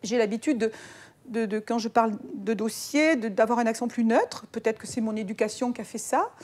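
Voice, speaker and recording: A woman's voice: fairly high pitch, a little fast, a little mellow. A former minister, a woman with a Marseille accent, speaking candidly in an interview.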